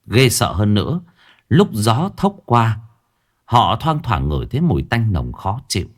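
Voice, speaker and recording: Male storyteller with a lively low voice. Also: unhurried. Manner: dramatic storytelling. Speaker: narrator. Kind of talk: ghost story narration.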